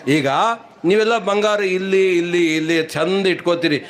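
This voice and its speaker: A man's voice: high voice, a little slow. A man with a North Karnataka Kannada accent doing rhyming folk stand-up comedy, telling stories and teasing his audience at a religious gathering. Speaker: comedian and mimicry artist.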